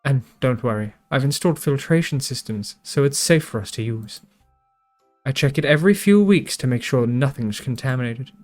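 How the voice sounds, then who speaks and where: A man voicing a gentle, caring green-skinned mushroom man in a game, speaking softly and hospitably with quiet pride. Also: mid-range voice, expressive, normal speed, faint music behind, natural voice.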